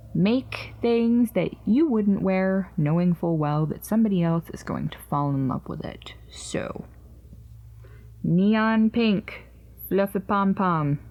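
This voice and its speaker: A woman's voice: medium pitch, muffled recording. A woman in her thirties hosting a podcast, chatting casually and ramblingly about her crochet projects and sometimes calling herself by name. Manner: chatty, rambling, jokingly refers to herself in third person. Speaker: podcast host.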